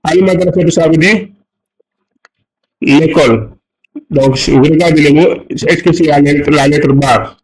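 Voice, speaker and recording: A man's voice: fairly high pitch, steady tone, unhurried, long pauses, a little hiss or hum, rough recording. Patient man teaching a lesson. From Senegal. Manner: patient, repeats and rephrases each point. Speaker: Arabic teacher. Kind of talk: online lesson explaining exercises.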